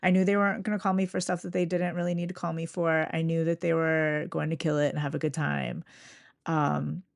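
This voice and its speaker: A woman hosting a podcast interview, asking questions and telling quick, chatty stories, often laughing. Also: sits low, level tone, vocal fry. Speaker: podcast host. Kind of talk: casual interview chat.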